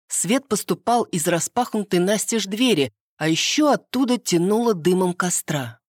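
A woman narrating an audiobook in the first person with an expressive storytelling delivery. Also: fairly low pitch, dry recording, studio quality.

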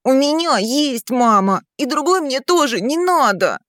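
A woman's voice: high-pitched, lively intonation, a little slow, fairly bright tone, no room sound, studio quality, pitched above the performer's own voice. Woman putting on a whiny little boy. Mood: protesting. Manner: whiny, protesting. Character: sulky five-year-old boy heir, stubborn. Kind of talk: audiobook character reading.

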